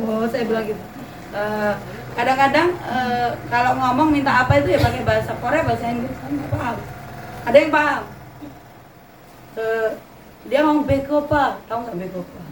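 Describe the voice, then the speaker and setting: Female religious teacher, middle-aged, Javanese accent, folksy storyteller; far-off mic in an echoey pavilion with steady ambient noise. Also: a little high. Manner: anecdotal, chatty, mixes in Javanese words. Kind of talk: religious study talk to mothers. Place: open pavilion hall. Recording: roomy echo, distant mic, ambient noise.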